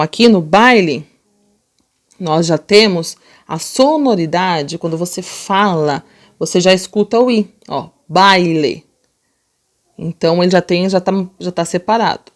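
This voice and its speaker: A woman teacher with a Brazilian Portuguese accent, explaining a lesson to young children and slowly sounding out words. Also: on the low side. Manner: slow, drawn-out sounding out of words; gentle, patient explaining to children. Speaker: primary school teacher. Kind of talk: remote class lesson.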